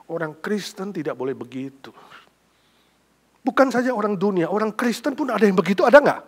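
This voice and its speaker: High-voiced emphatic male preacher. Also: fairly quick, slightly rough. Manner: emphatic, lively storytelling, builds to loud peaks. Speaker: pastor. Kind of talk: sermon.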